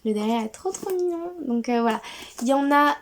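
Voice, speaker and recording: A woman's voice: high-pitched, animated, fairly quick, a little hiss or hum. A woman hosting a casual book haul, cheerful and gushing, with frequent hesitations and restarts. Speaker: book video host.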